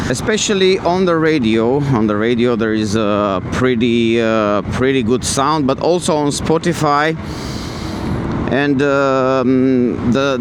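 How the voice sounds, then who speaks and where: Male reviewer, non-native English, slightly high voice, halting and repetitive casual delivery, vehicle noise in background. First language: not English. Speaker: product reviewer. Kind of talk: casual spoken product review. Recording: clear outdoor traffic and vehicle noise.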